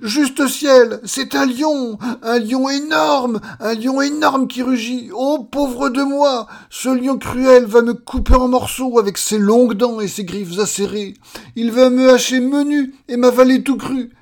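A man voicing a timid little man who panics and shrieks high, stammering when frightened. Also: a little slow, vocal fry, heavily acted. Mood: terrified.

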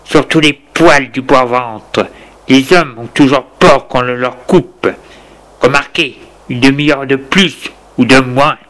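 A cheerfully sadistic nurse woman drawls her threats slowly, relishing them. A man puts her on while reading a story aloud. Her tone is gloating and mocking. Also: mid-range voice, steady tone, fairly bright tone. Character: stout sadistic female nurse, cheerfully cruel.

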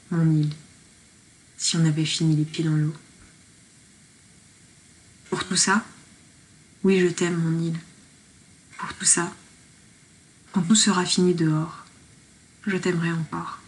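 A woman's voice: fairly low pitch, flat delivery, a little slow, pauses often, rough recording. A woman reading her own poetic lockdown diary aloud in a tender, reflective way. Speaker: diarist.

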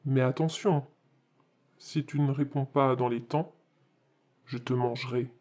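A woman's voice: a bass voice, steady tone, warm tone, pitched below the performer's own voice. A woman voicing a cruel female sphinx in an audiobook story, drawing out her words in a mocking, menacing way. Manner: drawn-out, taunting, counts down slowly. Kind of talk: storybook narration.

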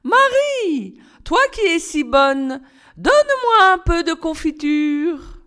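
A woman voicing an ancient, vain fairy with a shrill, haughty manner in a storybook reading. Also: very animated, slow pace, a bit bright, heavily acted. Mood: wheedling.

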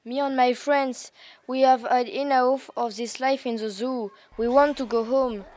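Schoolgirl as talking female giraffe, school play, friendly, high-ish voice. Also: fairly even intonation, a little slow, darkish tone.

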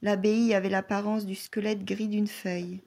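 A woman reading a literary novel aloud as an audiobook narrator, in a measured, soft-spoken way. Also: medium pitch, little pitch movement, creaky. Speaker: audiobook reader.

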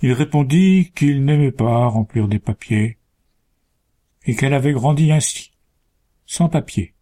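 Male narrator, slow unhurried reading, dark mellow tone, storybook. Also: medium pitch.

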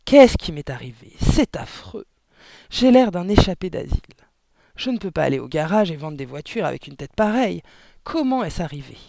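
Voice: mid-range voice, big pitch swings, moderate pace, gravelly, darkish tone, dry recording. A reader doing a bellowing, panicky father. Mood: panicked. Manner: bellowing, outraged. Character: blustering, panicky middle-aged father. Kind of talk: audiobook reading.

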